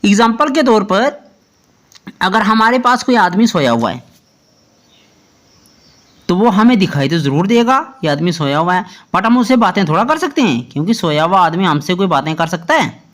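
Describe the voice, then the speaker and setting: Male tutor, high voice, lots of rise and fall, keeps checking in with students. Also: moderate pace. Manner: lively teaching tone, keeps asking "clear?". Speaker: English teacher, channel host. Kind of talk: Hindi-language video lesson on English pronunciation.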